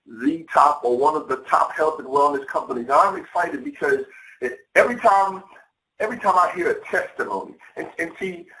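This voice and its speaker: An excited man speaks on a phone call from a home office, often repeating words and calling his listeners "y'all". His voice sits a little high. The room is echoey, and he is well back from the mic. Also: fairly quick, far from the mic, a little hiss or hum. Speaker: guest speaker on a sales call. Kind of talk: enthusiastic motivational call talk. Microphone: phone or conference line.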